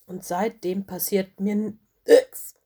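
A woman voicing a small, clingy, whiny male owl chick with a croaky voice in a storybook reading. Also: mid-range voice, level tone, takes it slowly, mellow. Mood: pleading.

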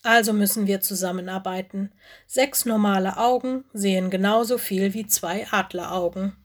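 A woman's voice: medium pitch, moderate pace, natural voice. A woman voicing Lenny, a sensible male bear cub who speaks in an earnest, level-headed way in a storybook reading.

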